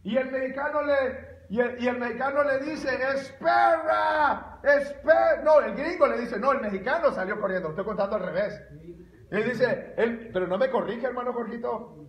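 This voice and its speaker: High-voiced man preaching in an echoey room. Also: brisk. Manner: animated preaching, rising to emphatic exclamations. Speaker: pastor. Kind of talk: sermon. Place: church sanctuary.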